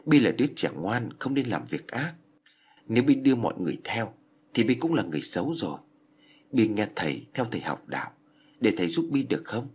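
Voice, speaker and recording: A man voicing a gentle Buddhist master who coaxes a ghost child with slow, soothing persuasion. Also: on the low side, sing-song, husky. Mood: coaxing.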